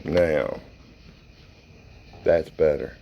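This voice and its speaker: A man's voice: rumbling low, steady tone, very slow, creaky, dull audio. A man casually narrating a paranormal session and questioning spirits in a folksy, plain-spoken way. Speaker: paranormal investigator hosting a spirit box session.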